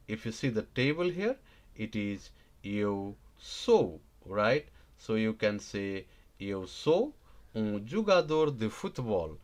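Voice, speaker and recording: A man leads a live online language lesson, saying example phrases slowly and asking "right?" after each one. He's animated, hitting words with sudden loud, high jumps.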